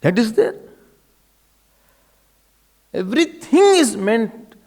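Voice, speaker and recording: A man's voice: very high-pitched, sing-song, takes it slowly, a little mellow. A man with an Indian accent giving a spiritual discourse, emphatic and repetitive, asking rhetorical questions and slipping in Hindi phrases. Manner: mixes Hindi phrases into English.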